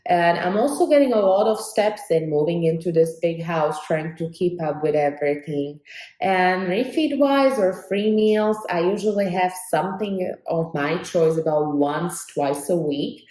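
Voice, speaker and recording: Slow-speaking Slovak woman vlogger. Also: lowish voice, warm tone, rough recording. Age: 20s. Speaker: fitness vlogger. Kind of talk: casual vlog talk to camera.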